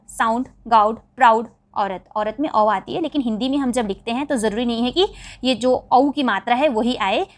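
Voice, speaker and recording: A woman with an Indian accent teaching English vowel sounds in Hindi. She spells each word letter by letter and then says it again slowly. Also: fairly high pitch, no room sound.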